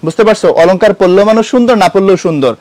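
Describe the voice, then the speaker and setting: A man with a Bangladeshi Bengali accent, teaching and explaining exam answers in a brisk manner, often checking whether students follow. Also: high voice, a little mellow. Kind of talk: exam solution lecture.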